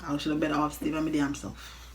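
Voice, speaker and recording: A young woman telling a casual, animated storytime rant, blunt and exasperated, swearing freely as she talks straight to viewers. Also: low-pitched, fast talker, background noise. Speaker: storytime vlogger.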